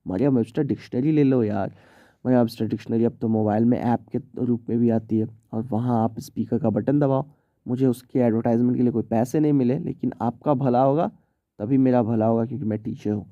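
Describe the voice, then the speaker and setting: Male tutor, informal explainer, very dark mellow voice, dry slightly muffled recording. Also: mid-range voice, dry recording. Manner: chatty, informal, often says "theek hai". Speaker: English teacher. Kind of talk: vocabulary lesson in Hindi.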